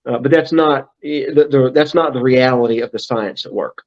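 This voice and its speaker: A man's voice: mid-range voice, moderate pace, a little mellow, muffled recording. A middle-aged man talking casually as a guest on a podcast, full of fillers and restarts. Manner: talkative, frequent fillers and restarts. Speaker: brand manager guest.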